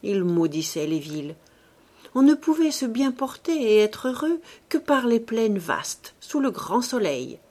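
A woman reading a novel aloud in a measured, expressive narration. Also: mid-range voice. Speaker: audiobook reader. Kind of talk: scripted literary narration.

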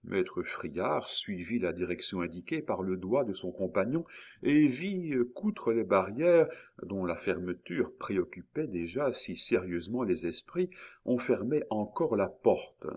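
A male narrator reads a classic novel at a very unhurried, deliberate pace. His voice sits fairly low, and he slips in an occasional hesitant filler. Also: animated, darkish tone. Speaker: audiobook narrator.

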